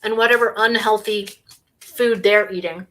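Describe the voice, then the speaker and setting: Bright, sarcastic woman hosting a livestream. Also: medium pitch, steady tone, normal speed. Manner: sarcastic, scornful; eating while talking. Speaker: host. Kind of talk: casual livestream commentary.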